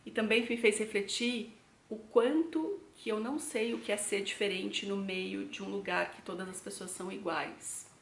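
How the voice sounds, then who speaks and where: Her voice is mid-range and gravelly, with fairly even intonation and a normal pace. She is a young Brazilian travel vlogger with a Brazilian Portuguese accent who chats reflectively in a casual vlog, calling her viewers "gente." The echoey room has slight background noise.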